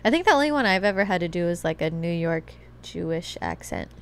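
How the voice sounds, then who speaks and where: A woman's voice: lowish voice, expressive, a little fast, smooth. A young adult woman hosting a casual podcast, playful and teasing, with lots of filler likes. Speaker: podcast host, daughter.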